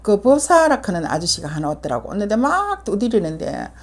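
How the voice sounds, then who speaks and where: A woman's voice: medium pitch, big pitch swings, a little fast. An older woman with a Gyeongsang Korean accent, a shaman telling her own story in casual talk, full of fillers and acted-out lines. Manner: vivid retelling with many fillers, acting out others' words.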